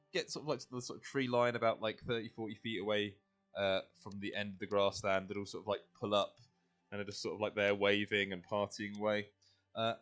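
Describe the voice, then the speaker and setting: Low-voiced man running a tabletop game. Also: fairly bright tone. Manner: halting, casual, searching for words. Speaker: game master. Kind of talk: improvised tabletop game narration.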